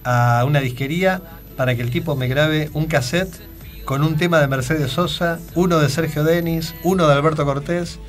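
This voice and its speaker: A man's voice: fairly high pitch, moderate pace, faint music behind. A middle-aged man with an Argentine accent, a guest impressionist on a radio show who chats, jokes and tells stories. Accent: Argentine Spanish. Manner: chatty joke-telling storyteller. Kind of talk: casual radio interview. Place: radio studio.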